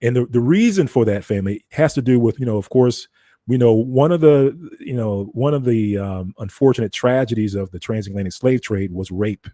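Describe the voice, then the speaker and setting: A man's voice: medium pitch, animated, normal speed, mellow, dry recording, studio quality. An American man giving an informal teaching talk in a conversational, explanatory way, repeating phrases for emphasis. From United States. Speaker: broadcaster.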